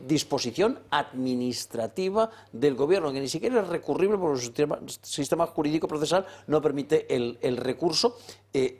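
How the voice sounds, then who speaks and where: A man from Valencia, Spain, arguing forcefully as a commentator on a political panel, repeating phrases for effect. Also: fairly high pitch. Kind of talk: heated political panel debate.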